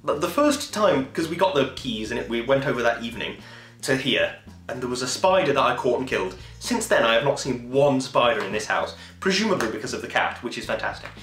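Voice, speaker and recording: A podcast host in his twenties chats casually to camera from a small room at home, rambling enthusiastically and swearing now and then. His medium-pitched, fairly bright voice is very animated and fairly quick, with an echo and faint music behind.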